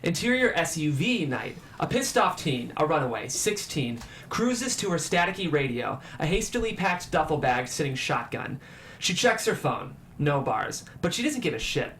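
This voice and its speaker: A man with a slightly high, sing-song, fairly bright voice speaks at normal speed, hosting a screenplay table read. He presents the script to an audience and narrates its stage directions, with slight background noise.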